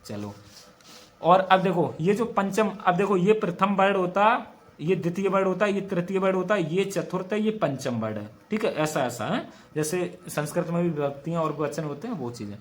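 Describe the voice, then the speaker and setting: A man's voice: high voice, lively intonation, moderate pace. A young man with a western Uttar Pradesh Hindi accent teaching an exam-prep grammar lesson, repeating each point and drilling mnemonics over and over. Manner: repetitive, drilling mnemonics aloud.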